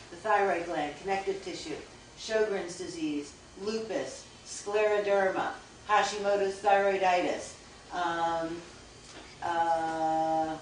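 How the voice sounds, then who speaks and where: A woman, a naturopathic doctor, giving a lecture to an audience and reading through lists steadily, with a few stumbles and self-corrections. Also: fairly low pitch. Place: store event room. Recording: echoey room, voice far from mic, faint hiss.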